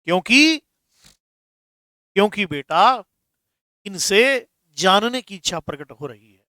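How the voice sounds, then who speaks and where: A man's voice: sits high, very animated, sharp tone, no room sound. A man teaching Hindi grammar in a patient lesson, repeating terms and addressing students fondly. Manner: explains slowly, repeats terms, calls students "beta". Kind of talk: classroom lesson.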